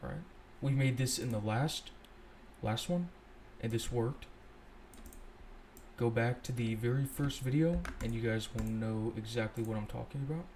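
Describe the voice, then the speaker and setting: A man's voice: medium pitch, moderate pace, darkish tone, a little hiss or hum. A young man casually walking through a coding tutorial, thinking aloud and correcting himself as he goes. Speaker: scripting tutorial host. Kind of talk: casual screen-recorded coding walkthrough.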